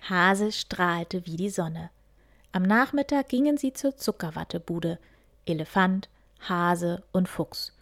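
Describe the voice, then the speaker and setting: Woman, whispered storytelling, slow, soft, children's tale. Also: lowish voice, expressive. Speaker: reader.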